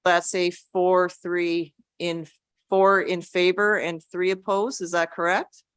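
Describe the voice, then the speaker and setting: A woman's voice: fairly low pitch, little pitch movement, takes it slowly, smooth, dry recording. A woman acting as mayor, chairing a council meeting in a polite, procedural way. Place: council chamber.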